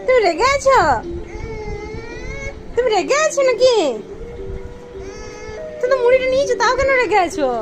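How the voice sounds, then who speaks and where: A woman's voice: very high-pitched, expressive, normal speed, long pauses. A young adult woman, a mother, talking baby talk to her infant in a coaxing, sing-song way, over background music.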